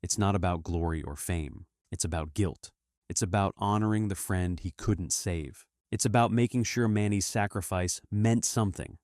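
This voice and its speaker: Deep-voiced male movie recap narrator. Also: moderate pace, no room sound, studio quality. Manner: steady dramatic storytelling. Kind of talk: scripted narration.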